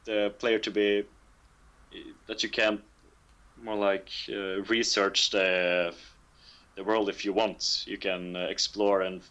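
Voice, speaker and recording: Low-voiced man, halting and thoughtful. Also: flat delivery, bright, forceful tone, highs cut off. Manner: halting, many fillers, laughs often. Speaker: game developer.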